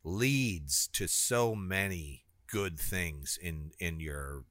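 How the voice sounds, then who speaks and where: A man with a deep, scratchy, smoker's rasp, chatting casually as a co-host. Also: drawn-out words, a bit bright, no room sound, clean studio sound. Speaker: podcast co-host, maker. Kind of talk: casual chat.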